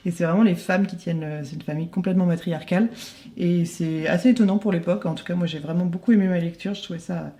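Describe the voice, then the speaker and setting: A young woman vlogging in casual chat at home while arranging her bookshelf, chatty and slangy, meandering with many pauses. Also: fairly low pitch, steady tone, dark tone. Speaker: book vlogger. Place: her apartment, next to a bookshelf.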